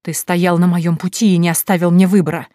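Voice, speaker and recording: A woman voicing a terrified young woman who screeches and shouts in panic. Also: on the low side, little pitch movement, brisk, no echo, studio quality, lightly acted. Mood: panicked, hysterical.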